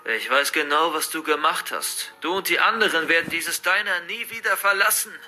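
Vengeful old dad villain done by a man, sneering and loud, sharp bright tone. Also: sits high, normal speed, faint music behind, voice pushed up. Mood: menacing. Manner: menacing, mocking, bursts into shouting. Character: masked older man, vengeful grieving father, menacing.

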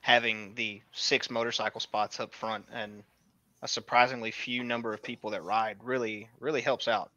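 A laid-back man talks in a bright, forward voice with a dry, close sound. He tells his stories in a relaxed, easy way, with a wry edge to what he says. It sounds like friends chatting around a microphone. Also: lowish voice, moderate pace, dry recording, dull audio. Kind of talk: casual chat.

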